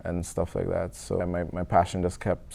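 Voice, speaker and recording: A man's voice: sits low, completely flat delivery, moderate pace, vocal fry, warm tone. A young man from Guyana, a film student speaking earnestly and reflectively in a documentary interview. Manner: earnest, reflective, casual with many "like" fillers.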